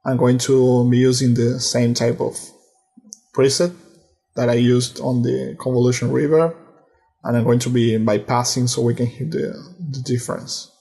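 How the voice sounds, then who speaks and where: Student voice-over: man, slow careful explainer, monotone delivery. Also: medium pitch, gravelly. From Brazil, raised in Argentina. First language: Portuguese and Spanish. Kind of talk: recorded lesson voice-over.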